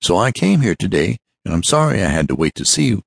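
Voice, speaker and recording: A man doing a short, stout, fussy little businessman who talks in a breathless, boastful rush, well above the reader's own deep voice. The tone is husky and swings widely in pitch, and the recording is close and dry. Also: big pitch swings, no room sound, full character voice. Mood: rapid pitch. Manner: rapid, breathless, boastful chatter.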